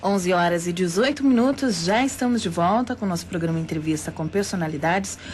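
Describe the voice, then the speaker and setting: A woman's voice: lowish voice, music in the background. Brazilian woman radio host. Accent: Brazilian Portuguese. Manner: announcer-like, reads phone numbers and email slowly. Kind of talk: live radio interview hosting. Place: radio studio.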